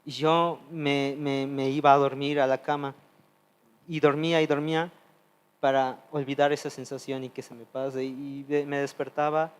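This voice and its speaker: A man preaching a testimonial sermon, earnest and confessional, moving between loud pleading and soft, low asides. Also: flat delivery, normal speed, clear, resonant tone.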